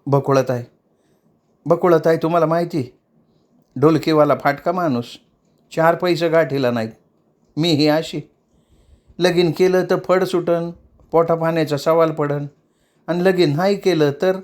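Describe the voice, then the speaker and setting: A man's voice: on the high side, fairly even intonation, a little slow, pauses often, darkish tone, pitched above the performer's own voice, close to an everyday voice. A man voicing a lovesick, tearful young tamasha dancer, pleading in rural dialect.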